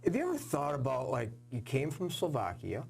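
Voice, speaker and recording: A man hosting a TV sports interview, asking earnest questions with halting fillers. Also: medium pitch, huge pitch swings, gravelly, a little mellow, slight background noise. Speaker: sports show host.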